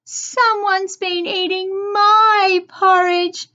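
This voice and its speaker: A woman voicing a small, tearful little boy bear cub with a tiny high voice. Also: little pitch movement, extremely slow, pushed and bright, muffled recording, full character voice. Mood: wailing. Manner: wailing, tearful.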